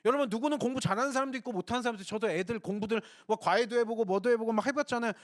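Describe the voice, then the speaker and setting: Guy pastor preaching quick n high, lots of questions to the pews, dry close sound. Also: no room sound. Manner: earnest, rhetorical questions to the congregation. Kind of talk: sermon.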